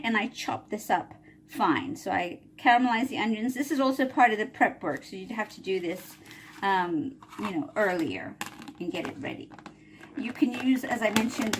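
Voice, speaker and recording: With background noise around her, a woman with a fairly high voice hosts a home cooking video from her kitchen. She chats her way through the recipe, regularly asking "all right?", and coughs a little from the chili fumes.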